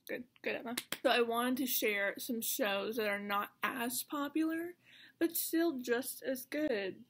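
A woman's voice: fairly high pitch, unhurried, fairly bright tone. An American woman in her twenties chatting in a rambling, self-mocking vlog style, her speech slightly slurred by the retainers she wears. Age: 20s. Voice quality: slight slur from wearing retainers. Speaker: vlogger. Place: carpeted bedroom at home.

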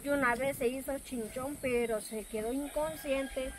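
A woman's voice: high voice, unhurried, poor audio. A woman with a Guatemalan accent being interviewed, telling her story earnestly and at length, often quoting what others said to her. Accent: Guatemalan Spanish. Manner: earnest, rambling storytelling with quoted dialogue. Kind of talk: casual interview. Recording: outdoor recording with loud ambient noise.

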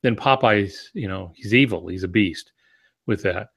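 A novelist in his sixties co-hosts a podcast over a video call from his home office, giving casual writing advice laced with dry jokes through an earbud headset. His voice is fairly low, husky and fairly bright, with vocal fry, at a moderate pace.

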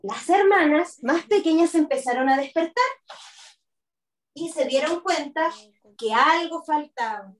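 A woman's voice: sits high, animated, measured pace. A woman teaching kindergarten online, telling a story expressively and asking the children questions over a video call.

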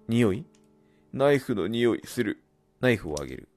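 A man's voice: mid-range voice, sing-song, moderate pace, faint music behind. Jumpy man yelping through a horror game. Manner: jumpy, bursts into loud startled yelps; mutters and reads game text aloud. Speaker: let's play gamer.

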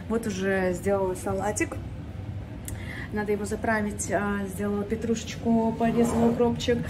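A woman in her thirties chatting playfully to a phone held at arm's length in an apartment, with a slight lisp that turns s toward sh. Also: a little high. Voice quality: slight lisp, sh for s, from new dental aligners. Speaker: vlogger. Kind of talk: casual chat to camera. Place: apartment living room and kitchen. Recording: noisy handheld phone recording.

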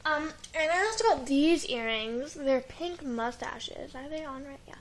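A woman's voice: sits high, lively intonation, a little slow, slight background noise, poor audio. A teenage girl chatting casually and rambling as she shows off a shopping haul, recorded on a webcam at home. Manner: chatty, giggly, rambling with many likes. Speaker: vlogger. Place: living room at home. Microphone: built-in webcam mic.

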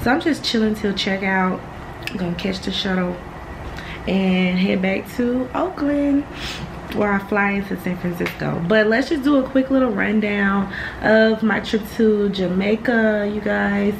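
A woman in her twenties from the United States chatting in a frank, slangy, unhurried way to her travel vlog. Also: medium pitch, creaky, noisy background. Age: 20s. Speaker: travel vlogger. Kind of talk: casual vlog chat. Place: hotel bedroom or balcony.

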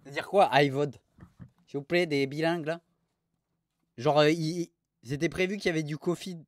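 A young man streaming live, mocking restaurant reviews in a crude, animated way. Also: a little high, normal speed, no room sound, clean studio sound.

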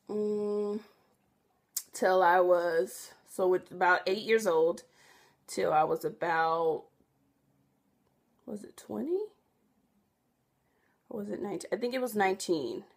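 A young woman talks to her camera in a loose, chatty way, circling back to fix her own details and leaning on filler words. Her voice sits a little on the low side for a woman. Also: slow, pauses often. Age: young adult. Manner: rambling, self-correcting, chatty with many fillers. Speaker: vlogger. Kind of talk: casual chat to camera.

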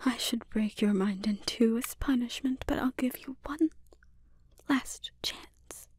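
A woman playing a menacing, condescending, dominant witch in a breathy, often whispered ASMR roleplay. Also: fairly high pitch, darkish tone, dry recording. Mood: threatening, mocking. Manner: slow, deliberate, condescending.

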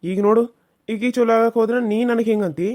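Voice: medium pitch, fairly even intonation, fast talker, darkish tone, close to an everyday voice. A voice actor playing a flustered, complaining married man in a cartoon serial, with a North Karnataka Kannada accent. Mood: exasperated. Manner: exasperated, complaining. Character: flustered married man caught between two women.

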